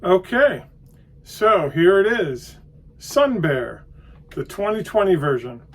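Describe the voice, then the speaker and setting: A man giving a casual, unscripted tobacco review, hesitant and halting as he thinks aloud. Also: high-pitched, very animated.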